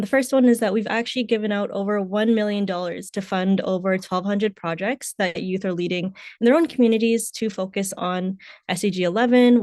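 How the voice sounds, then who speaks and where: A woman's voice: mid-range voice, darkish tone, no room sound. This is a woman in her twenties who speaks with bubbly enthusiasm about her organization's work. Her voice sits in a middle register. The sound is dry and close, with no room around it. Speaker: youth organization representative. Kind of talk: panel talk.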